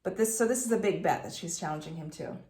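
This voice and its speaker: A woman's voice: lowish voice, fast talker, warm tone, roomy sound. A woman teacher reading a storybook aloud to students, telling it expressively and adding chatty asides.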